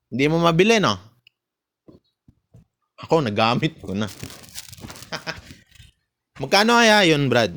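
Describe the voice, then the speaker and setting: A man's voice: medium pitch, a bit bright. Taunting man ranting. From Philippines. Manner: bitter, taunting, mixes Tagalog with English, laughs between jabs. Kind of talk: casual ranting monologue.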